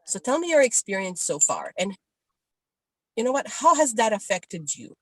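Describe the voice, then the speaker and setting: A woman's voice: medium pitch, sing-song, moderate pace, fairly bright tone, dry recording, poor audio. A middle-aged woman co-hosting a podcast, talking candidly and casually, peppered with "like". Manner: candid, chatty, with frequent "like". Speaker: podcast co-host. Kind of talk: casual conversation.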